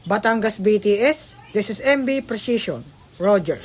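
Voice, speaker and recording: A woman's voice: medium pitch, expressive, moderate pace, a little hiss or hum, close to an everyday voice. A woman playing a ship's radio officer, making formal, procedural marine radio calls to port control in a school exercise. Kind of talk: scripted marine radio exchange.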